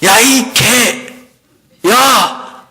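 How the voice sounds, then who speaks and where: A man's voice: very high voice, very slow, pitched above the performer's own voice, exaggerated voice. A man playing a snarling possessed woman. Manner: shouting insults.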